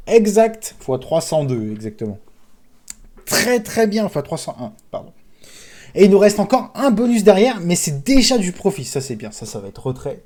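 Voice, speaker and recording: A man streaming casino games, commentating live, excitable, pleading with the game and calling out sums. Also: fairly high pitch.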